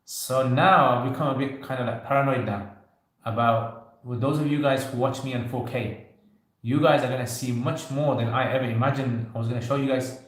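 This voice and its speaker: A man in his thirties answers viewer questions during a casual livestream Q&A, talking fairly quickly in a medium pitch with a steady tone. He's loose and conversational, joking lightly with the audience and often saying "you know." The recording has heavy room echo.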